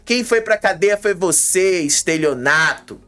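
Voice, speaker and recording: A woman's voice: fairly low pitch, animated, unhurried, fairly bright tone, faint music behind. A woman reading out the insults of an indignant woman contestant in a reality-show fight. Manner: read-out quotes, insulting.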